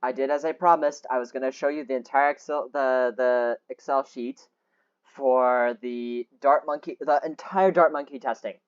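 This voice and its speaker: A young man talks casually over a screen share, rambling and restarting his sentences. His voice sits in a middle pitch, and the recording sounds dull and lo-fi. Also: fairly even intonation, moderate pace, clean tone. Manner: rambling, many fillers and restarts. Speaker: game video creator.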